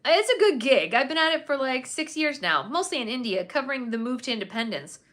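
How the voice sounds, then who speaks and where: A woman's voice: high voice, sing-song, brisk, a bit bright, pitched above the performer's own voice. A woman reading as a cheeky young photojournalist man. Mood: breezy. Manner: joking, easygoing.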